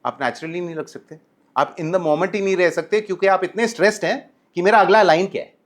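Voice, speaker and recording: A man with an Indian accent, a communication coach on a podcast, explaining things in a lively way and mixing Hindi with English. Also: high voice, brisk. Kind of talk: podcast interview. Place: studio podcast set, indoors.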